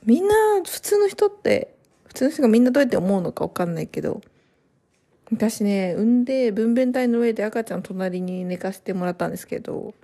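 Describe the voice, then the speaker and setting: A woman talks casually to her viewers in a mellow, warm voice at an ordinary middle pitch. Her delivery is soft and rambling, with long run-on sentences full of fillers and pauses. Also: big pitch swings, gravelly. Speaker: vlogger and new mother. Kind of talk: casual chat to camera.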